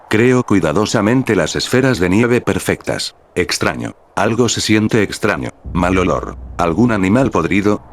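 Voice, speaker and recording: A computer-generated male voice narrating a horror story in terse, clipped fragments with an even synthetic delivery. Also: low voice, slight background noise. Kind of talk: text-to-speech horror story reading. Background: music.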